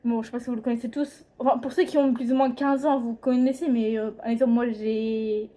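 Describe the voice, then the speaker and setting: A teenage girl chats casually in a drawing vlog recorded indoors at home, rambling, hesitating and often correcting herself. Her voice is fairly high with a dark tone, level delivery and a slightly fast pace.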